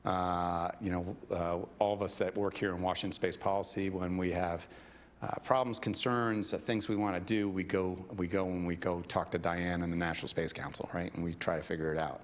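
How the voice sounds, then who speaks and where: A deep-voiced man introduces the next speaker at a conference. He talks loosely, stumbling through fillers and restarts. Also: level tone, a little hiss or hum. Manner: halting, many fillers. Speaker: conference moderator. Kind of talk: casual introduction speech.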